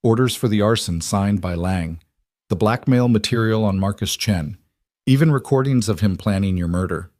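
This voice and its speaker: A man's voice: lowish voice, normal speed, a little mellow, no room sound, studio quality, lightly acted. A man reading as a curt female federal agent. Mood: quiet. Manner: clipped, curt.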